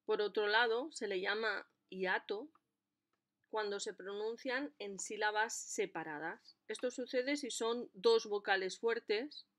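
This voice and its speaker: A woman explaining a lesson in a clear, deliberate way, stressing the syllables of her examples. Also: mid-range voice, a bit bright. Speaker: language teacher.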